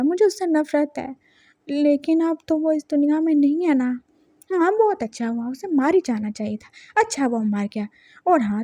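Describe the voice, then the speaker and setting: A woman voicing a wealthy, lonely old grandfather who is gruff and emotional in a spoken story. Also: high-pitched, mellow, no echo. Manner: scolding then doting.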